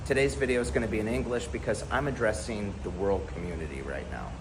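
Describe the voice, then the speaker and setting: Man from the US, vlogger; deep voice, forceful and emphatic, with clear background noise behind him. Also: quick pace. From United States. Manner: earnest, emphatic, blunt. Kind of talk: impassioned direct-to-camera commentary.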